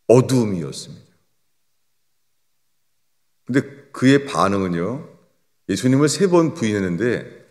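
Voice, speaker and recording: An older man, a pastor, preaches a sermon in a church sanctuary, alternating between raised, emphatic lines and low, quiet drops. The recording carries a long church reverb.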